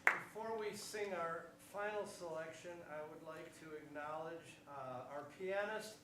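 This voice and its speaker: Man emceeing in an echoey church. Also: a little high. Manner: easygoing, halting with fillers. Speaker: choir director. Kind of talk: concert emcee remarks. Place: church sanctuary. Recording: echoey church, mic far off, noisy.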